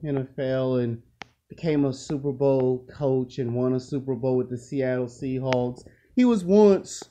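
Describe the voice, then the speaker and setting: A man hosting his own video, talking casually and excitably about college football in a rambling way, with sudden hyped-up outbursts. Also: mid-range voice. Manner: rambling, excitable, with bursts of shouting. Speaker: YouTube host. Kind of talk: casual sports commentary vlog.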